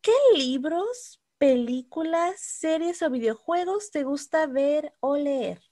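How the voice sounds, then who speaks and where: A woman hosting a podcast, asking interview questions slowly and deliberately. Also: sits high, lively intonation, dark tone. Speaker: podcast host.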